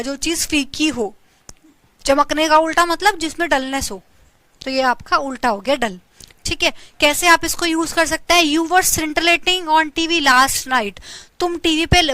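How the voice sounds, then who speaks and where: A woman's voice: sits high, normal speed, a bit bright, no echo. An Indian woman teaching English vocabulary in an online exam-prep lesson, with a slightly sore throat, repeating words and asking students to say them along.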